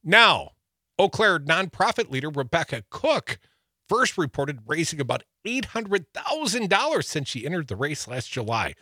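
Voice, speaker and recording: Wry, husky-voiced Wisconsin man. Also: a little high, sing-song, normal speed, bright, forceful tone, no echo, studio quality. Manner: wry, jokey, reads news items aloud with asides. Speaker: co-host of a political talk show. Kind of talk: casual political banter.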